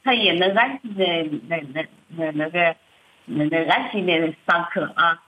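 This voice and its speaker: Her voice is lowish, pushed and bright, with lively intonation at a normal speed. This middle-aged churchwoman gives a halting, plaintive account of family troubles, circling back over words and beginning again. The audio is muffled and lo-fi.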